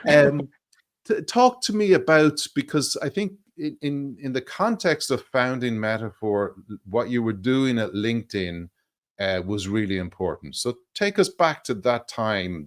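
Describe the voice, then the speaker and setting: Chatty man hosting a livestream. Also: on the low side. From Ireland. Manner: chatty, enthusiastic, laughs easily. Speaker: livestream host. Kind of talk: casual interview chat.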